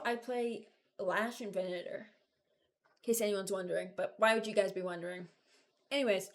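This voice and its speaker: A woman of medium pitch, in her early twenties, makes gaming videos and narrates them casually without a script, thinking aloud and drifting as she goes.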